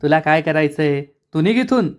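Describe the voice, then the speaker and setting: A man's voice: a little high, lively intonation, moderate pace, lightly acted. A man voicing a grumpy, short-tempered older village man who answers with angry, mocking retorts. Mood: irritated.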